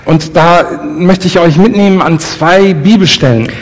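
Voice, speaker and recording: A man interprets a guest sermon phrase by phrase. His voice is slightly high, he rephrases fast, and he sometimes hesitates over words. The hall rings with long reverb. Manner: quick rephrasing, some hesitation. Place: church hall.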